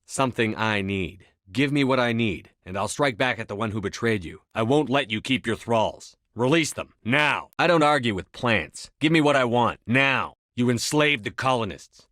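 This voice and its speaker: A man's voice: medium pitch, expressive, normal speed, few pauses, a bit bright, no room sound, studio quality, natural voice. A man voicing a resolute military space commander in a video game, speaking in a terse, controlled, authoritative manner. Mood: stern, forceful. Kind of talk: video game dialogue acting.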